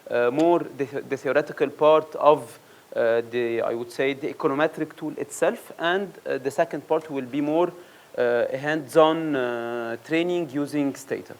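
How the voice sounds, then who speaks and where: Man, workshop instructor, halting lecture style, lots of fillers and restarts, mid-pitched voice, workshop room. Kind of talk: lecture introduction.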